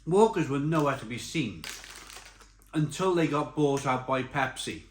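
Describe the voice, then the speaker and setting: A middle-aged British man giving a casual, chatty crisp review while tasting and eating, repeating phrases for emphasis. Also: medium pitch, expressive, unhurried. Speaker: snack reviewer. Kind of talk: casual spoken review to camera. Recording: roomy echo, faint background noise.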